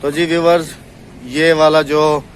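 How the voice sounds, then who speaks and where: Outdoors on a rooftop, a man with a Pakistani Urdu accent narrates a casual vlog, chatting with his viewers and teasing his wife. His voice is on the high side, his delivery flat and measured, with slight background noise.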